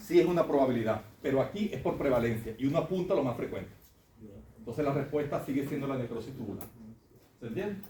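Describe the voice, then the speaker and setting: Speaking fast and animatedly in a mellow, medium-pitched voice, a man walks medical students through clinical cases. He's conversational and frequently quizzes the class. The lecture hall recording is echoey with faint room noise.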